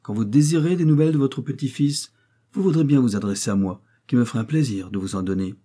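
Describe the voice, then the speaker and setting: An imperturbable, stiff provincial notary speaks in formal, measured phrases, as a man reads him. The voice is dark and husky, part of a spoken storybook. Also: medium pitch, voice pushed up, close to an everyday voice. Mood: composed. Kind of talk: audiobook character voice.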